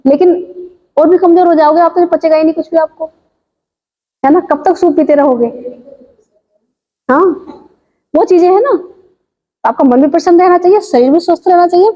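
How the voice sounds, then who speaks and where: A woman teaching yoga and diet in an informal talk, asking listeners lively rhetorical questions. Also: sits high, normal speed, long pauses. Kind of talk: informal health talk to viewers. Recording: dull lo-fi sound.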